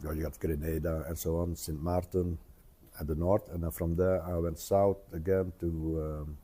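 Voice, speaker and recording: Husky-voiced man in his seventies. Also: low voice, little pitch movement, dark tone. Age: 70s. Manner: hesitant, many pauses and fillers, tag questions like "eh?". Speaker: interview guest, retired traveler. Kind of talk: casual conversational interview.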